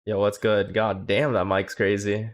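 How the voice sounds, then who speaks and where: A young man with a lowish voice and level tone hosts a casual livestream chat. Working as a streamer and coach, he's profane and jokey, with quick reactions to his viewers.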